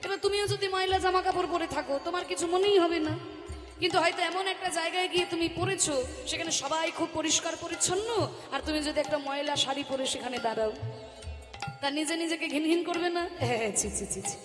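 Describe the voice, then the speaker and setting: A woman giving a devotional kirtan sermon on a live stage, speaking quickly and pleadingly between sung verses. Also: very high voice, fairly even intonation. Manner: fast, pleading storytelling, sung lines. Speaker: kirtan singer and preacher. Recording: echoey hall with music. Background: accompanying music.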